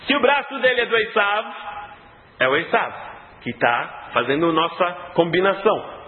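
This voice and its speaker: A man teaching a religious lesson as lively storytelling, acting out the scenes and often clearing his throat. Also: high voice, moderate pace. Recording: tinny phone-like sound in an echoey hall.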